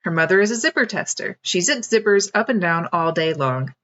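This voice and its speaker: A woman reading her own children's book aloud in a steady, clear voice. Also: lowish voice, fairly quick, highs cut off. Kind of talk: storybook read-aloud narration.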